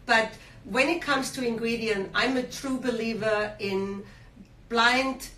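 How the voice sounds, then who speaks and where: A woman's voice: a little high, slow pace, bright, forceful tone. A woman hosting a live shopping-show interview, talking with lots of fillers and enthusiastic sales talk. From Austria. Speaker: skincare brand host. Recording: roomy, distant mic, faint hum.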